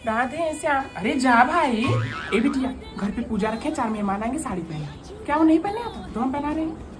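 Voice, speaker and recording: A woman playing a doting, bossy mother-in-law in a comedy sketch, fussing and giving quick commands. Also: high-pitched, sing-song, music in the background, a crowd in the background. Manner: scolds and fusses in quick commands. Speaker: comic sketch actor.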